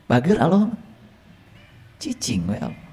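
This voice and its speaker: A man's voice: medium pitch, huge pitch swings, measured pace, dark tone, husky. A male religious teacher gives a teaching lecture, teasing his listeners with rhetorical questions. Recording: long reverb from a hall.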